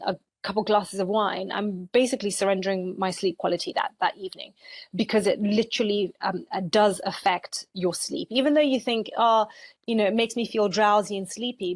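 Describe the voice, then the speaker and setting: A woman's voice: medium pitch, fairly even intonation, a little fast, gravelly, dry recording. A woman in her forties from Zambia, a dietitian talking conversationally in a podcast interview, with many "you know" fillers. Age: 40s. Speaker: dietitian guest.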